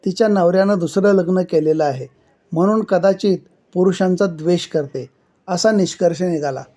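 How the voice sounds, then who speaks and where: A male story reader narrates a literary short story in a measured, expressive way. His voice sits high for a man, with a mellow, soft-edged tone.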